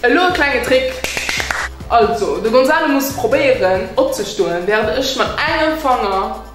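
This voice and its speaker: A woman's voice: fairly high pitch, lively intonation, normal speed. A young adult woman with a Luxembourgish accent, co-hosting a video with casual talk about facts and tricks. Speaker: video co-host. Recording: echoey room with music behind. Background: music.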